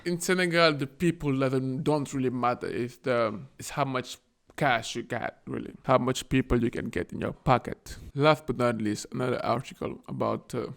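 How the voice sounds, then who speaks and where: A man's voice: mid-range voice, moderate pace, vocal fry, a bit bright. A man giving casual, irreverent commentary in a vlog, often swearing and acting out the people he quotes. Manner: irreverent and profane, acts out quoted voices. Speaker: video host.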